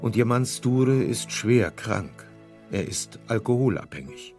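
Deep-voiced male documentary narrator. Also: animated, a little slow, gravelly, a little mellow, soft background music.

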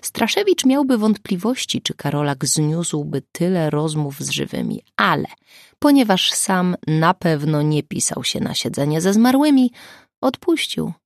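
Low gravelly woman narrating an audiobook. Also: sing-song, measured pace, no room sound, clean studio sound. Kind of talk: scripted narration.

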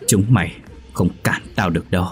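A man's voice: sits low, brisk, faint music behind, lightly acted. A man doing a vengeful woman ghost. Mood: menacing. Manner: threatening. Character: vengeful female ghost, menacing.

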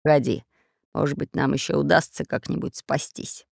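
Woman reader doing a gruff, hoarse fat pirate, voice dropped low, dry close sound. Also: unhurried, no echo, full character voice. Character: fat red-bearded male pirate, gruff and scheming. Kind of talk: audiobook character voice.

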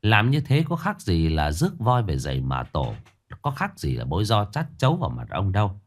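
A man narrating a dramatic village tale in an expressive, scripted storytelling voice. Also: fairly low pitch, moderate pace.

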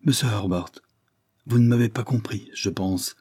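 Grave middle-aged doctor, read by a man, firm, urgent, low husky tone. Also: moderate pace, dark tone, dry recording, clean studio sound.

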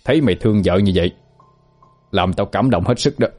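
A man's voice: lowish voice, expressive, moderate pace, a little mellow, faint music behind. A man voicing a cruel, swaggering male loan shark in a spoken story, talking in a taunting, contemptuous way. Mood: gloating.

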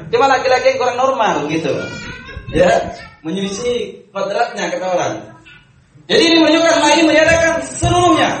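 A high-pitched man leads a religious study lecture, repeating grammar rules step by step and quizzing his listeners with quick checks. He often chuckles as he teaches. His voice comes from well back in a hall that echoes heavily. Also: fairly bright tone. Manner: keeps quizzing the audience with short checks. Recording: very echoey room, voice from far off, faint background noise.

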